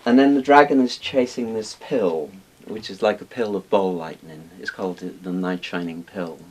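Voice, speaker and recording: An older Welsh man, an interviewed authority on Chinese dragons, chats through his explanations casually and at length in a small room full of books. His voice is lowish at normal speed, and the recording is rough with hissy background noise.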